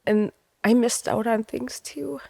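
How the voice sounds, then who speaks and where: Emotional woman host, halting speech. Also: on the high side, fairly even intonation, vocal fry, mellow, dry recording, clean studio sound. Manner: halting, many "um"s. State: emotional, near tears. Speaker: podcast co-host. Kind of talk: podcast interview.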